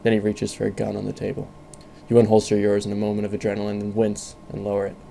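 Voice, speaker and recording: A man reading a scripted second-person story in a calm, measured way. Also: fairly low pitch, gravelly, a little hiss or hum. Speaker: narrator.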